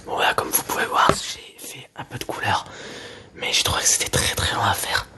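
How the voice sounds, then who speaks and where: Casting: male ASMR creator, hushed library whisper, crisp bright edge, casual and hesitant delivery. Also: a little fast. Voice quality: soft, breathy whisper.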